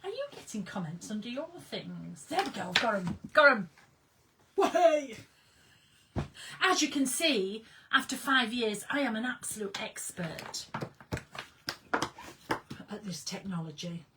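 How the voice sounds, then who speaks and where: A slightly high-voiced woman hosts a laid-back craft stream in her workroom, bubbly and excitable as she welcomes viewers and reads out comments. She speaks at a slow pace with long pauses, and the background is noisy.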